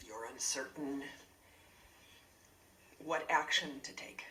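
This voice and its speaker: An actress playing a mother who flatly parrots her son back in a robotic monotone, in a sitcom scene. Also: sits low, slow pace, slight background noise, heavily acted. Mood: robotic, deadpan. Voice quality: flat, robotic monotone, restating each line back. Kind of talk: sitcom acting. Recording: roomy sitcom set, distant mic, faint ambience.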